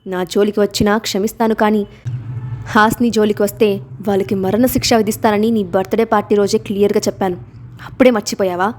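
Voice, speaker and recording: A woman's voice: medium pitch, fairly even intonation, fairly quick, a little mellow, slight background noise, close to an everyday voice. Woman reading as a ruthless vengeful young man. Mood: accusing. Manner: stern, accusing. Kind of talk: storybook reading.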